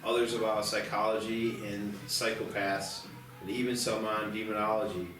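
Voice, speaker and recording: At a table read, a screenplay narrator reads stage directions in a low voice with a level tone and normal speed. The recording sounds distant and echoey, with music clearly audible behind him.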